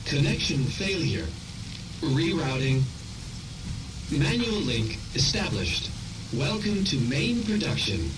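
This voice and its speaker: Malfunctioning computer assistant for a game: calm, polite, slow and stuttering, slightly higher pitch. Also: male voice, noisy background. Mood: calm glitchy. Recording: distant voice with music behind.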